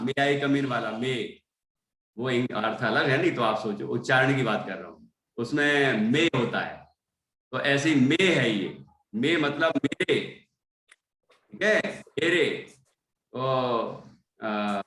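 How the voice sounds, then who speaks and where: Slow patient male teacher, bright voice. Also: medium pitch, expressive, echoey room, low-quality recording. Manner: patient, explains slowly, repeats syllables. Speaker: Sanskrit recitation teacher. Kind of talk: online class correcting pronunciation.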